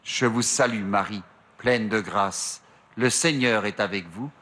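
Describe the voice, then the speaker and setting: A middle-aged male priest leading the rosary at an outdoor grotto shrine, reciting prayers slowly into a lectern mic. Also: on the low side, background noise. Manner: slow measured prayer recitation. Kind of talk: slow recited prayer and meditation. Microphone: stand mic at a lectern.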